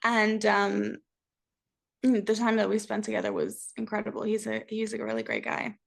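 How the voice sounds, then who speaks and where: A young woman with a medium-pitched voice and vocal fry chats casually at normal speed. A reality TV cast member appearing as an interview guest, she comes across candid and reflective.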